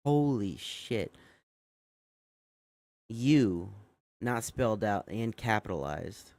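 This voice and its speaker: A man's voice: on the low side, lively intonation, slow pace, darkish tone. A young man hosting a live show, reading a news story aloud and reacting to it casually. He swears often, sounds amazed, and corrects himself a lot. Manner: swearing, easily amazed, with frequent fillers and self-corrections. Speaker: show host.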